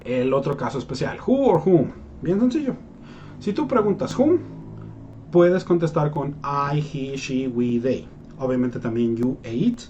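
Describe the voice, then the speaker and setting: A man's voice: fairly high pitch, a little mellow, dull audio, a little hiss or hum. A young man giving a casual, joking English lesson. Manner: playful, jokes and acts out quoted voices. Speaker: English teacher.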